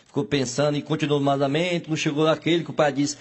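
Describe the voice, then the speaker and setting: A man telling a string of jokes, leaping into high exaggerated voices for the characters. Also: flat delivery, fast, husky. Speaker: joke teller. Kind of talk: telling jokes to a live audience.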